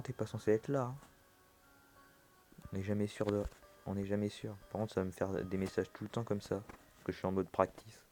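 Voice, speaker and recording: A man commentates a horror game in a casual, jumpy streamer manner. His voice is fairly low and soft-edged, with a relaxed, mellow tone. Faint music plays behind him. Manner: talks to the game's objects and characters.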